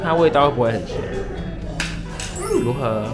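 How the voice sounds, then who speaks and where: A man's voice: medium pitch, unhurried. A man with a Taiwanese Mandarin accent, co-hosting a food vlog in a chatty way and laughing often. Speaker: travel vlog co-host. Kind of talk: casual food vlog chat. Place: small seafood buffet restaurant, indoors. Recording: loud background music.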